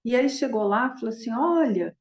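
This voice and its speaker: A woman's voice: mid-range voice, moderate pace, darkish tone, reverberant. A woman dharma teacher retelling a Buddhist story in a conversational way, constantly adding short tag questions.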